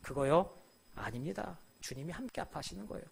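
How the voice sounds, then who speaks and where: Animated preacher with a high, lively voice. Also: male voice, a little fast, vocal fry. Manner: animated preaching, acting out biblical voices with sudden loud bursts. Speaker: pastor. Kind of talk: sermon. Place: church.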